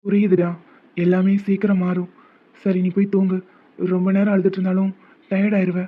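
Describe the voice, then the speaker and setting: A man voicing a devoted, protective young man in a cartoon, talking earnestly and gently comforting. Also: sits high, monotone, fairly quick. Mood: tender. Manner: earnest, soft-spoken comforting. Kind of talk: cartoon voice acting. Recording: tinny phone-like sound.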